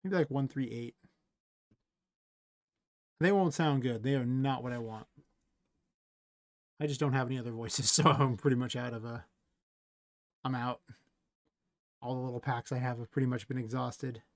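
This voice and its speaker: A man's voice: medium pitch, steady tone, normal speed, pauses often, no echo, studio quality. A tired man, an indie game developer, thinking aloud and rambling to himself as he works through the night. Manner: rambling, talks to himself, trails off. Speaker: indie game developer streaming his work. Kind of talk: thinking aloud while working.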